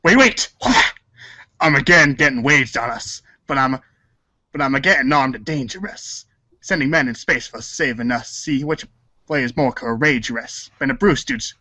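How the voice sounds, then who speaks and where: In a comic reader's theater show, a man with a mid-range, sharp-toned voice goofs around, stumbling through his lines and ad-libbing during the table read. He speaks at a moderate pace, and the recording is dry.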